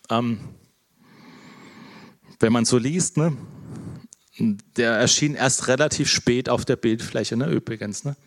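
A man preaching in a relaxed, conversational sermon. He keeps checking in with his listeners with a quick "ne?". His delivery is thoughtful and low-key, with frequent fillers and self-corrections. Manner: conversational, tags nearly every phrase with "ne?", many fillers and restarts; calls himself introverted, talks in a thoughtful, low-key way. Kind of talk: informal sermon.

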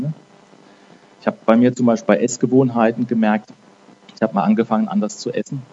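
Man preaching casually, dark voice. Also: medium pitch, highs cut off, slight background noise. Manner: conversational, frequent "ne?" tags; repeats and restarts words. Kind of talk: informal sermon with prayer.

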